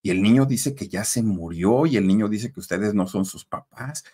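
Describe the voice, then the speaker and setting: A man's voice: fairly low pitch, moderate pace, dark tone, husky. A man with a Mexican accent telling a horror story in a conversational manner, speaking straight to his listeners. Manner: conversational, addresses listeners directly.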